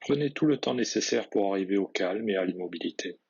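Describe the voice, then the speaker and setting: A yoga nidra guide leads a relaxation meditation in a fairly low, husky, expressive voice. He offers simple, measured instructions, letting each phrase fade softly, and the recording is slightly dull and lo-fi.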